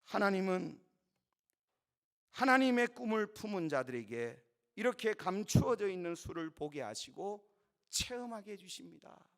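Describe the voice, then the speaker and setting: Male preacher, high and lively voice, emphatic, mid-sermon. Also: normal speed, vocal fry. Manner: emphatic, with sudden swings between loud and soft. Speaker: pastor. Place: church.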